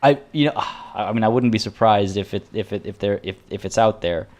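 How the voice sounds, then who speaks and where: This is a male streamer talking to viewers while he plays a game, wandering off topic and restarting his sentences, and noting that he's losing his voice. His pitch is fairly low, his tone darkish, and he talks a little fast.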